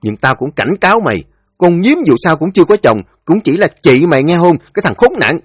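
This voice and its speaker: A man's voice: medium pitch, very animated, fast, no echo, studio quality. A man voicing a blunt, threatening eldest brother. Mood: stern. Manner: blunt warning tone.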